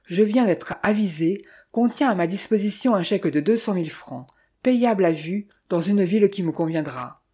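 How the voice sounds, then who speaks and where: A woman's voice: medium pitch, animated, normal speed, dark tone, breathy edge. A woman reading as an anxious young fiancée. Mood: eager. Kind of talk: audiobook dialogue reading.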